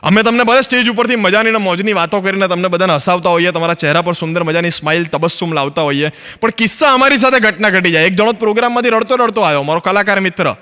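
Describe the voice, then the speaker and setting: A man's voice: high voice, quick pace, few pauses, bright, forceful tone, clear, resonant tone, in a large hall. A man from Ahmedabad with an Ahmedabadi Gujarati accent doing a stand-up comedy monologue, chatty and acting out both sides of his stories. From Ahmedabad, Gujarat, India. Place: stage, filmed for a comedy recording.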